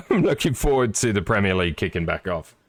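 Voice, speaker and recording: Low-voiced male sim racing commentator. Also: big pitch swings, fast, crowd noise. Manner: chatty, jokey, apologetic asides. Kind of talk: live race commentary.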